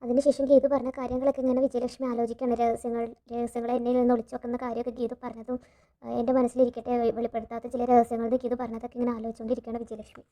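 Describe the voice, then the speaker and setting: A woman rapidly retelling a TV serial episode, quoting the characters' lines as she goes, with a habit of tagging her sentences. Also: a little high, completely flat delivery, mellow. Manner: rapid storytelling with frequent tag "കേട്ടോ". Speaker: serial recap narrator. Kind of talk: fast episode recap, retelling dialogue. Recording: dull lo-fi sound.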